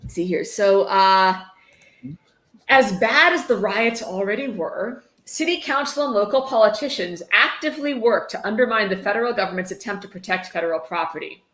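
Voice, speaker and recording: Reading a book aloud for charity on a livestream, this host speaks at a normal speed in a slightly bright, mid-range voice. Between passages she chats casually, throwing in sardonic remarks and plenty of swearing, all in a roomy, echoing space.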